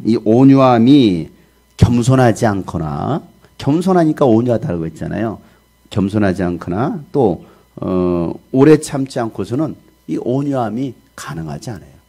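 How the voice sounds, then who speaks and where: Gravelly loud middle-aged preacher man. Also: medium pitch. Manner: loud, shouting preacher who acts out voices in his stories. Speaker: pastor. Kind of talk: sermon.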